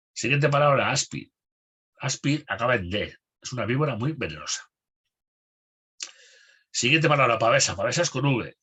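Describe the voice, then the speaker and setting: Reading a steady run of words and definitions, this male teacher guides an exam-course spelling lesson. He speaks with a Spain Spanish accent in a lowish, husky voice.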